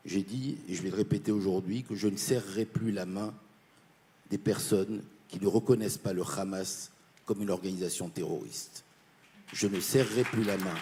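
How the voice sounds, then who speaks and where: A man from Morocco gives a formal speech on a conference panel, his voice on the low side with a darkish tone. He is earnest and insistent, returning to his key points again and again.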